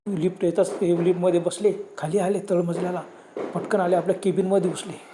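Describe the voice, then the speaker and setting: A man's voice: high-pitched, level tone, fairly quick, background noise. Man telling a dramatic ghost story. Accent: Marathi. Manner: dramatic, emphatic retelling with gasps of fear. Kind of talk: spoken horror story narration.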